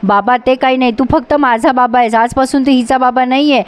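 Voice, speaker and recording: A woman's voice: high-pitched, steady tone, brisk, clear, resonant tone, lightly acted. A woman voicing a spoiled, jealous young daughter who whines and scolds insistently. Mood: angry.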